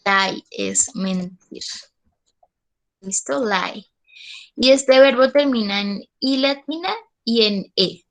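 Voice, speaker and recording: Teacher, woman, slightly high voice, patient step-by-step explainer who checks in often. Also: slow, long pauses, rough recording. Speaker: English teacher. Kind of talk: online class explanation.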